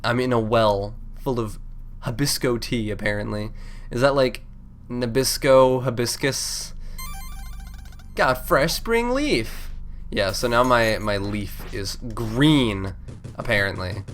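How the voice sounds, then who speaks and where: Video game music accompanies a let's play host whose stuffed-up voice delivers casual, wandering commentary peppered with swearing and self-interruptions. He talks slowly in a mid-range, slightly bright voice.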